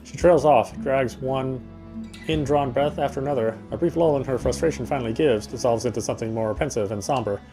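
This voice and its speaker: Reading visual novel narration with dramatic flair, this let's player talks briskly in a medium pitch and sometimes fumbles words. The audio quality is poor, and loud game music runs behind him.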